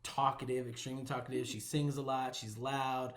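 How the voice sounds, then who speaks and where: A man's voice: medium pitch, level tone, a crowd in the background. A man who is a pastor, chatting casually on a home vlog, teasing his partner and telling stories with frequent laughter. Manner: playful, teasing, laughs often, drawn-out storytelling. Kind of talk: casual chat.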